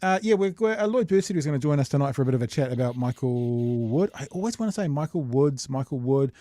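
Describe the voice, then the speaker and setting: A man's voice: medium pitch, lively intonation, fast talker, warm tone, no room sound. Middle-aged kiwi man, dry close sound. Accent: New Zealand. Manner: jokey, rambling, uses slang. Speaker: podcast host. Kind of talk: casual live chat show.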